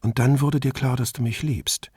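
A man's voice: medium pitch, steady tone, moderate pace, darkish tone, husky, no room sound, voice pushed up. A man reading the part of a witty wife who teases her husband in a playful, dry way, in a slightly raised voice. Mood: teasing. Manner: wry, playful teasing. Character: witty teasing Italian wife, adult woman.

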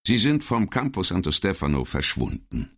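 A man's voice: low-pitched, sing-song, moderate pace, pitched above the performer's own voice, heavily acted. Man reading a guarded, polite police detective.

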